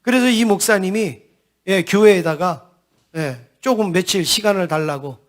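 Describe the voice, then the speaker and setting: A man's voice: sits high, normal speed. A man preaching a New Year sermon as senior pastor. He tells a story, keeps turning to the congregation, and asks questions that he answers himself. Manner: storytelling, often turns to the congregation with "yes" and "everyone".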